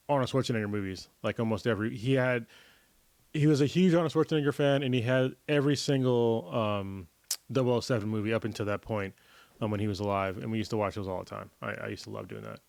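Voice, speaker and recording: Hosting a podcast, a man from California rambles through casual chat and laughs often while getting over being a little sick. His voice sits on the low side and sounds gravelly, with no room sound.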